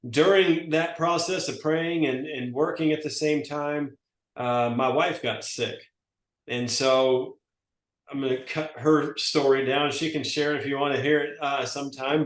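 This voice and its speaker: A man's voice: medium pitch, reverberant. A man in his forties telling his story in a casual, rambling way, often correcting himself. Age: 40s. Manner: rambling, self-correcting, folksy. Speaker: network marketing presenter. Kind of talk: casual testimonial talk.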